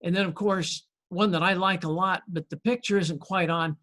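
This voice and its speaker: A man preaching as pastor in a conversational sermon, telling stories with gentle humor and friendly, unhurried pauses. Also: high voice, fairly even intonation. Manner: folksy storytelling with gentle humor.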